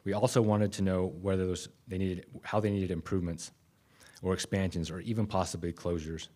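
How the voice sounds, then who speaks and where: A man, giving a conference keynote from a podium microphone in a conference room, measured and with frequent restarts. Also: low-pitched, level tone, dark tone. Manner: measured, self-correcting restarts. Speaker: keynote speaker.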